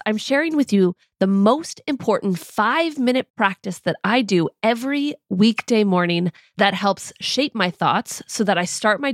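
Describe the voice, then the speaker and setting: A woman's voice: medium pitch, dry recording, clean studio sound. A woman hosting a motivational podcast, speaking directly and encouragingly to her listeners in a slightly tired, groggy morning voice. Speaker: podcast host and coach. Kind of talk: scripted motivational podcast monologue.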